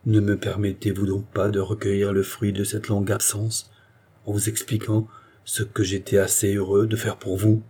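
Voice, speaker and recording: A man voicing a courteous, restrained noble officer in an audiobook, speaking in a measured way. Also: fairly low pitch, monotone, warm tone, slightly rough. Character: dutiful young nobleman officer, restrained and tactful.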